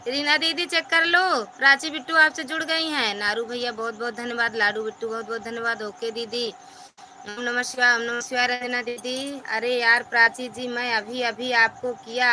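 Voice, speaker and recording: Bright-voiced woman hosting a live stream. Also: on the high side, a little hiss or hum. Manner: affectionate, chatty, thanking viewers by name. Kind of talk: reading viewer comments aloud on a live stream.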